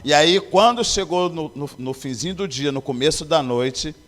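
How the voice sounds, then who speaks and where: A man's voice: fairly high pitch, moderate pace, a bit bright. Earnest man testifying in an echoing church. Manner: earnest storytelling, acting out dialogue. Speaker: church member giving testimony. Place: church sanctuary. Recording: long church hall reverb.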